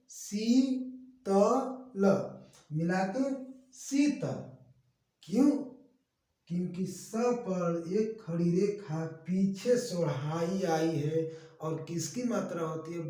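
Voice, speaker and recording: A male teacher talks with a high voice and mellow tone, stretching each word slowly for young learners. He speaks from a distance in a very echoey room and voices both himself and an eager pupil. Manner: slow, drawn-out sing-song teaching voice, speaks both sides of a pupil dialogue. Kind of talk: Hindi reading lesson for children.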